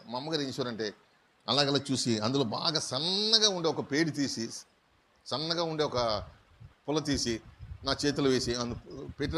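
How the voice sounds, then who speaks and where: A man's voice: mid-range voice, fairly bright tone, slight background noise. A pastor from Andhra Pradesh preaching a sermon to a congregation, asking questions and acting out the people he quotes, with English words mixed into his talk. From Andhra Pradesh, India. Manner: asks the congregation questions and acts out quoted speakers.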